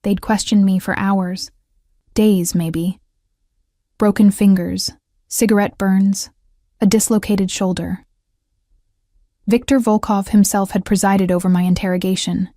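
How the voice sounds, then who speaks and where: A woman storyteller reading a dark romance story in the first person with a measured, steady delivery. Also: mid-range voice, no room sound, studio quality.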